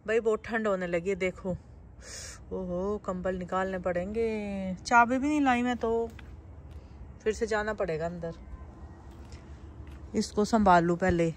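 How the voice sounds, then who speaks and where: A woman's voice: unhurried, pauses often, slight background noise. A young woman vlogger chatting casually to her viewers, keeping her voice down at times. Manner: chatty, addresses viewers as bhai; lowers voice to avoid waking someone. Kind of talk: casual daily vlog chat.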